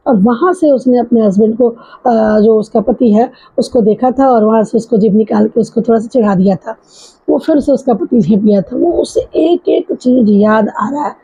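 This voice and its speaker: Woman storyteller, higher voice with a breathy edge, informal retelling full of fillers, dull lo-fi sound. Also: warm tone. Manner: conversational, with frequent fillers and restarts. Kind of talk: casual spoken retelling of a story. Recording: dull lo-fi recording.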